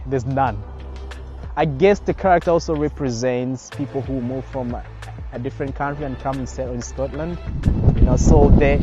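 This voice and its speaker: A man in his twenties, originally from Congo, telling his story in a documentary interview in an upbeat, conversational way. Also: medium pitch. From Democratic Republic of Congo. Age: 20s. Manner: upbeat, conversational, frequent "you know". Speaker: filmmaker and DJ. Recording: slightly muffled, with faint music behind.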